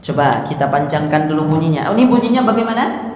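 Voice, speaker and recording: A man's voice: on the high side, lively intonation, fast. A man teaching Quran pronunciation, patiently drilling each sound by repeating it. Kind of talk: tahsin pronunciation lesson. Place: mosque hall. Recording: echoey mosque hall with long reverb.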